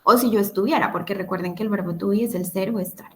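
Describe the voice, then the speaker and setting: Woman teaching english over a video call, slow patient explaining, keeps checking in, bit of faint noise behind. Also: mid-range voice, poor audio. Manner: explains slowly, repeats words and checks in with "¿listo?". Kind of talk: recorded online lesson.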